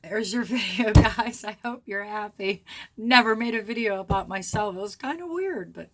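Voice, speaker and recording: A woman's voice: mid-range voice, animated, normal speed. A middle-aged woman with a sore throat and a groggy voice, talking frankly and casually in a rambling, unscripted way to followers. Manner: frank, chatty, rambling self-description. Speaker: homesteading blogger introducing themself.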